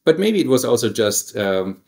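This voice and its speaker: A man's voice: medium pitch, very animated, moderate pace, gravelly, darkish tone. A man with a German accent, a guest attorney in his forties, talking reflectively in a casual interview with many restarts and fillers.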